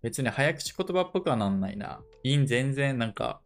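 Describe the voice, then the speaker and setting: Guy hosting a chill dictation session, muses out loud, repeats english lines slow, faint music behind. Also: mid-range voice, lively intonation. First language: Japanese. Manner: muses aloud, repeats English phrases slowly to test them. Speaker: podcast host leading a dictation session. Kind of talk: casual thinking-aloud language lesson.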